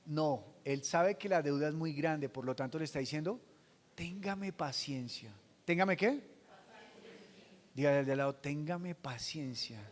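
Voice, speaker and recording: A man preaching a sermon as pastor, asking the congregation questions and swinging from hushed to loud. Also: fairly high pitch, fast, hardly any pauses, big-room sound. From Colombia.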